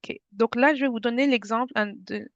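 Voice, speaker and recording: A French woman presents an informal online workshop for parents, speaking to them directly in a friendly, conversational manner. Her voice is a little high and brisk, and the video-call audio sounds dull and dry.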